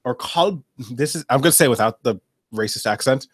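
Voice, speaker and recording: A man co-hosting a casual podcast chat, joking in a lively way. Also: mid-range voice, a little fast, husky, no echo, clean studio sound. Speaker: podcast co-host.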